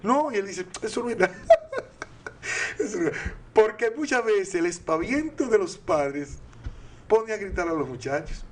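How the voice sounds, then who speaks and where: A man's voice: sits high, sing-song, unhurried. An older man with a Dominican accent, giving earnest parenting advice on a talk show, often posing rhetorical questions. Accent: Dominican Spanish.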